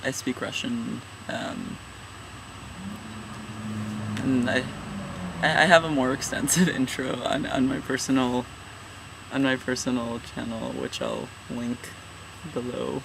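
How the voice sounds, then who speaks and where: Young man, twenties, casual vlogger; halting and self-deprecating, slow delivery over a steady hum. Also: mid-range voice, vocal fry. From California, USA. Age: 20s. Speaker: vlogger, regular channel contributor. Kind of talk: casual personal vlog.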